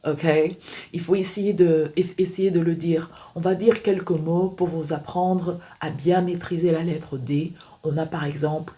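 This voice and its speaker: A woman teaching pronunciation in a slow, unhurried way, with a dark, mellow tone and a somewhat low voice. She addresses the viewer directly. She repeats each sound and word several times for learners to copy. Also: steady tone. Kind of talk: slow instructional lesson with drilled examples.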